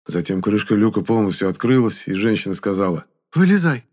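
Man, audiobook narration, fairly low voice, steady reading. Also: fast.

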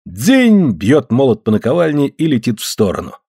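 A man narrating an audiobook in expressive storytelling. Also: mid-range voice, a little fast, gravelly, slightly rough, dry recording, clean studio sound.

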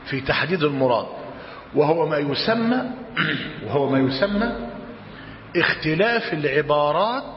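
Egyptian man, religious teacher, raised voice, repeats phrases for dictation, dull echoey hall recording with faint hiss. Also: a little high. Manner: dictates slowly, repeating each phrase, quizzing students.

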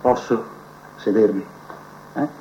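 An actor playing a proud, scheming male prison inmate who believes he is a genius, musing aloud to his cellmate in a theatrical TV drama monologue, drifting between soft mutters and sudden outbursts. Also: lowish voice, steady tone, slow pace, slight background noise. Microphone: cassette recorder mic held to a TV speaker. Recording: muffled TV audio taped off a set onto cassette.

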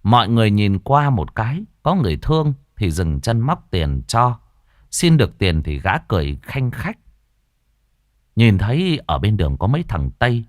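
A man narrates a story in a low voice full of lively rises and falls. His telling is earthy and colorful. The sound is dry and close-miked, with faint music behind. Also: dry recording.

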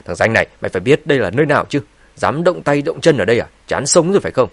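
A man voicing an arrogant young heir who blusters loud threats, in a dry close recording. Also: fairly low pitch, expressive, very fast, no echo. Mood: blustering.

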